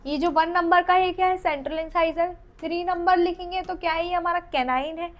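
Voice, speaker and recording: A woman with an Indian accent teaching a dental anatomy lecture. She reads English lines slowly, then explains them in Hindi with questions to the class, and counts teeth aloud under her breath. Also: very high-pitched, fairly even intonation, dull audio. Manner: counts teeth aloud while drawing, trailing off softly. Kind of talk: exam-oriented lecture.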